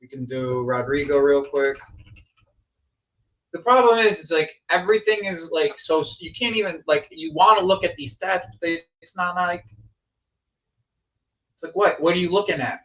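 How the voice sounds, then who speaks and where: A man's voice: a little high, normal speed, long pauses, bright, forceful tone. Man chatting sports, slightly distant and dull. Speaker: show host. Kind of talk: casual sports chat.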